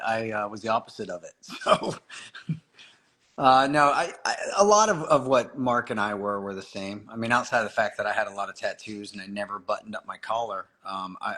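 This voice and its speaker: A man's voice: on the low side, creaky, bright, forceful tone. A man joining a live stream as a guest over a video call, easygoing and friendly. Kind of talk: casual live stream chat.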